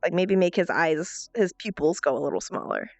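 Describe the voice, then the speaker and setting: A woman's voice: fairly low pitch, lively intonation, moderate pace, no echo, faint music behind. A woman with a nasal, stuffed-up whine, chatting casually and expressively on a livestream in a playful, self-mocking way. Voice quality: nasal, congested. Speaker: livestreamer and role-player.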